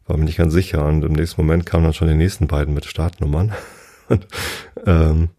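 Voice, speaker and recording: Speaking in a bass voice, a man of forty-five casually recounts a travel story, relaxed and rambling. He frequently stops to hunt for the right words.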